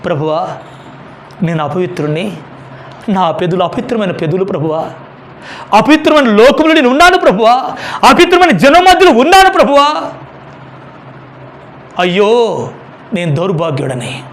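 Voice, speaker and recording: A man's voice: high-pitched, big pitch swings, moderate pace, pauses often, a bit bright, slight background noise, heavily acted. A man preaching voices a repentant male prophet confessing his unworthiness in a pleading tone. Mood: pleading lament.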